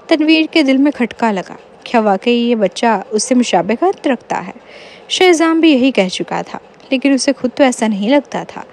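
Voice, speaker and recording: A woman narrating a novel in a steady storytelling voice. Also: fairly high pitch, slight background noise.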